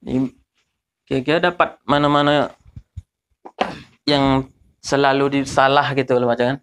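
A man teaching correct pronunciation of Quran verses, slowly drawing out and repeating letter sounds as he demonstrates. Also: mid-range voice, level tone, a bit bright, clean tone.

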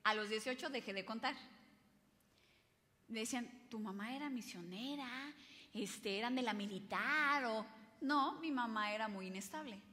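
Woman, conference speaker, bright tone, animated, audience questions, reverberant hall. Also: on the high side, moderate pace. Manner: animated, acts out quoted voices, asks audience questions. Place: large hall before an audience.

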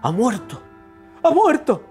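A man's voice: very high-pitched, lively intonation, measured pace, soft background music, pitched above the performer's own voice. Man voicing a timid male servant, obsequious, whiny, lamenting, storytelling voice. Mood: wailing.

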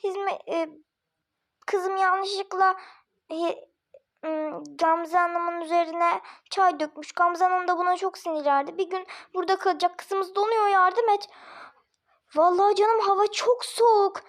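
A woman voicing a gentle, hesitant mother in a homemade family drama, talking with small stumbles. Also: very high-pitched, fairly even intonation, measured pace. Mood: worried. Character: soft-spoken hesitant young mother.

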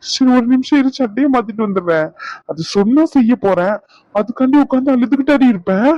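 A man's voice: very high-pitched, expressive, fairly quick, a little mellow, dry recording, highs cut off. A man voicing a teasing, bossy young husband in a cartoon, scolding in banter. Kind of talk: cartoon voice acting.

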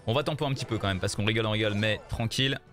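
Animated gamer streaming over music. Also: male voice, lowish voice, racing. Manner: animated, joking, repeats himself, addresses viewers as "les gars". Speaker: streamer playing a mobile card game. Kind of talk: casual live game commentary. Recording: game music playing faintly behind.

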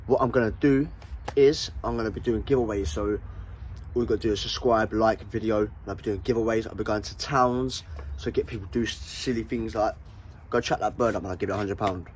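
A young man with a British English accent, vlogging outdoors in the woods on a handheld phone, loud, laddish and jokey. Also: medium pitch, slight background noise. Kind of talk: casual vlog chat.

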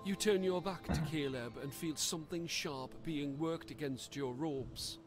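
Slow, measured male storyteller. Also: a little high, music in the background. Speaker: narrator. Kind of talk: reading a gamebook aloud.

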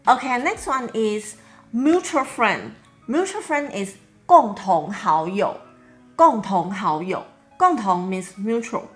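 A woman's voice: medium pitch, expressive, takes it slowly, faint music behind. A woman in her thirties with a Taiwanese accent, a native Mandarin speaker, teaching a language lesson to camera and repeating key terms. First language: Mandarin Chinese. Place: small room at home, indoors.

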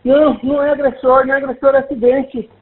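A man's voice: extremely high pitch, little pitch movement, fast. A man with a Brazilian Portuguese accent calling an emergency line over the phone, panicked and distressed, urgent and repeating himself. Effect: heard over a phone line. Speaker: caller. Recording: tinny echoey phone line.

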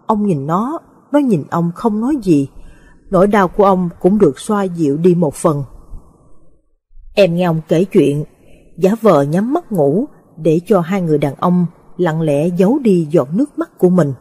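A woman narrates a late-night Buddhist audio story in a solemn, measured manner. Her voice is low and husky. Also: expressive, mellow.

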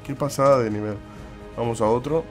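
A young man commentates a video game in a mid-pitched voice. He is excitable and cusses a lot as he plays. Faint game music sits behind him. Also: fairly quick. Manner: excitable, swears and exclaims often. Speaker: gaming YouTuber. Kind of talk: let's play commentary.

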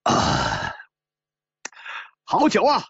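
A man voicing a brash, devil-may-care young male swordsman who gambles and laughs loudly, as a storyteller acting out dialogue. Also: mid-range voice, huge pitch swings, measured pace, breathy edge, dry recording, dull audio, heavily acted. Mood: cocky, reckless.

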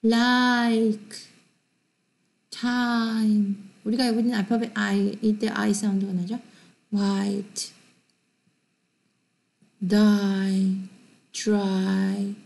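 A Korean-speaking woman records an online pronunciation lecture. Her voice sits slightly high but sounds dark and gravelly. Her delivery is unhurried overall, with slow, careful English model words between quicker Korean explanations. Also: level tone.

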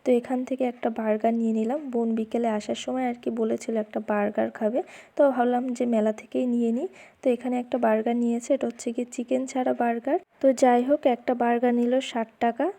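Young woman vlogger, from West Bengal, India, slightly high and mellow voice, quick casual chatter. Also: little pitch movement, vocal fry. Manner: chatty, repeats fillers while touring. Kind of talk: casual vlog narration. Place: outdoor food fair, evening.

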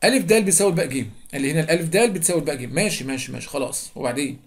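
Young Egyptian male teacher, rapid and higher-pitched, casual lesson talk that quizzes the class. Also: lively intonation. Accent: Egyptian Arabic. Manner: quick, chatty, repeats steps and quizzes students. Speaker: math teacher. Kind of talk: geometry lesson explanation.

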